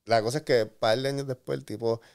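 A man's voice: mid-range voice, steady tone, fast talker, creaky, a little mellow. A man from Puerto Rico with a Puerto Rican accent, telling a long rambling anecdote in casual slangy chat. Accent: Puerto Rican Spanish. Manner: rambling, slangy storytelling with restarts. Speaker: guest storyteller.

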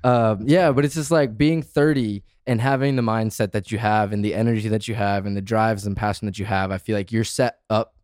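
A man's voice: lowish voice, steady tone, brisk, hardly any pauses, a little mellow, no room sound, clean studio sound. A man hosting a podcast in casual chat, laid-back and full of slang. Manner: laid-back, heavy on slang like bro and dude. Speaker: podcast host.

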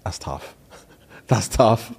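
A man's voice: drawn-out words, a little mellow. A young man with a London roadman accent, giving short, slangy, incredulous reactions in casual banter. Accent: London, urban roadman slang.

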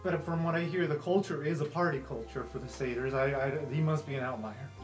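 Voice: medium pitch, steady tone, fairly quick, music in the background. Chatty tabletop game master. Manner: chatty, with many restarts and asides.

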